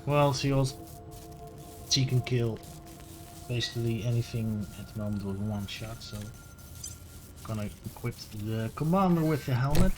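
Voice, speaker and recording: A man's voice: medium pitch, moderate pace, long pauses. Man thinking aloud over game music. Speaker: gamer host. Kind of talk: let's play commentary.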